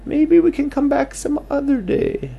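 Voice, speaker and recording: A man voicing a timid little owl in a bedtime story, with a high, drawn-out, fluttery squeak. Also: animated, creaky, warm tone, a little hiss or hum, full character voice. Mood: nervous.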